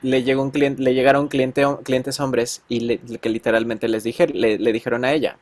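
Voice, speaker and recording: A man's voice: medium pitch, little pitch movement, moderate pace, darkish tone, no echo. A man with a Mexican accent, a teacher chatting casually with his students and telling slangy stories full of fillers.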